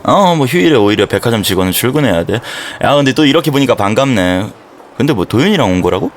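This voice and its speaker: A brash young man in a romance audio drama, with a very lively, swooping delivery. He teases, blusters and stammers like an easily astonished best buddy, over some noise. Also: mid-range voice, fast talker. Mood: surprised, chatty.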